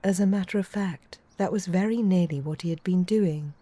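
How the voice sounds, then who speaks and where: A woman narrating a children's storybook aloud in a gentle, measured way. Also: lowish voice, husky, no room sound. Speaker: audiobook reader.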